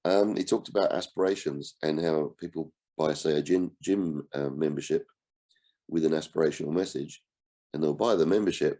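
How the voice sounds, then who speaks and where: A man with a cold and a croaky voice, hosting an online book discussion in a relaxed way and asking his group questions. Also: very deep voice. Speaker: book club host and coach.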